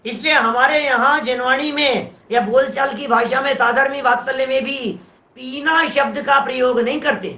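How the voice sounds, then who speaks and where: A man's voice: extremely high pitch, steady tone, moderate pace, sharp tone, roomy sound. A man, a preacher giving a sermon who explains a verse phrase by phrase and asks the listeners rhetorical questions. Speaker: Jain preacher.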